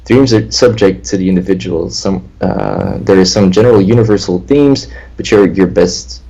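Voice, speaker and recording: A twenty-year-old man co-hosts a lucid dreaming livestream, reading out viewer questions in a casual chat. His deep, gravelly, warm voice is slightly rough and moves at a normal speed, and the sound is lo-fi. He rambles and often repeats himself.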